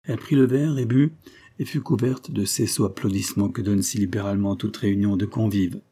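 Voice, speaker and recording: A man narrating a historical story as an audiobook in a measured, literary reading. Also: lowish voice, steady tone, warm tone, husky.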